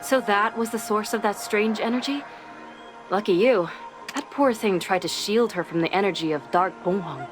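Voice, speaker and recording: Woman voicing ancient fox spirit, game character, impatient, sharp-tongued, music behind. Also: mid-range voice, normal speed, close to an everyday voice. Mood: knowing. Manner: scornful, impatient, commanding.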